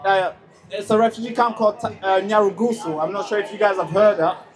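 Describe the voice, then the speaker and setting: A young man with a strikingly high voice speaks at an outdoor street rally. He was born in a refugee camp in Tanzania. He tells a story emphatically and keeps restarting with "now". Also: fairly even intonation, a little fast. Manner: emphatic storytelling with many repeated lead-ins.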